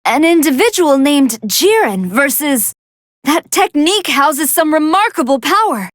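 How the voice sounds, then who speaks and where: A woman's voice: sits high, big pitch swings, a little slow, dry recording, clean studio sound. A woman voicing a brainy female android scientist who gives articulate, analytical commentary on battles in a video game. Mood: composed, analytical. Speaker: fight commentator.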